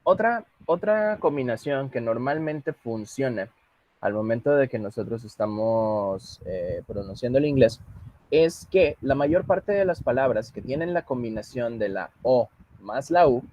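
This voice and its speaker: Husky-voiced teacher explaining patiently. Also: male voice, medium pitch, expressive, measured pace, a little mellow, low-quality recording. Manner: patient, explains step by step and mixes Spanish with English. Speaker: English teacher. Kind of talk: online English class.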